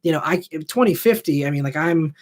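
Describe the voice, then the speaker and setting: A host in his thirties answers viewer questions on a live stream in a rambling, casual way, leaning heavily on fillers like "you know" and "I mean." His pitch is fairly high, his intonation lively, and he talks fairly quickly.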